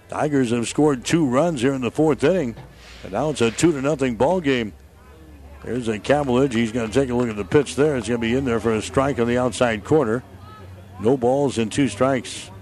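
Male sportscaster, medium pitch, calling a baseball game live for radio. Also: a little mellow. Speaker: baseball play-by-play announcer.

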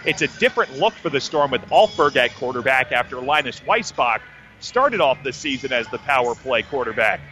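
A man's voice: medium pitch, very animated, a little fast, sharp tone, faint music behind, poor audio. A man giving live hockey pregame commentary as a play-by-play broadcaster.

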